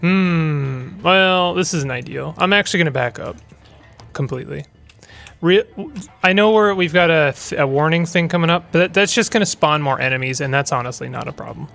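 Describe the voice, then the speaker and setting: A man hosting a gaming channel, talking through his play in rambling, chatty commentary full of stumbling restarts. His voice sits somewhat high for a man, with faint game music underneath. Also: moderate pace, creaky, a bit bright.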